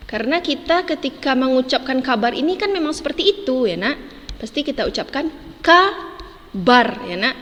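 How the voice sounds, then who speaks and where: A woman's voice: fairly high pitch, fairly bright tone, big-room sound. A woman teaching a children's lesson, patiently spelling words out syllable by syllable and tagging "ya, Nak" onto every phrase. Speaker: primary school teacher.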